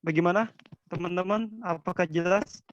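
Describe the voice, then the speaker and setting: A man's voice: high voice, steady tone, moderate pace, dull audio. A man moderating an online webinar over a headset, his choppy call audio breaking up as he politely checks whether the audience can hear him.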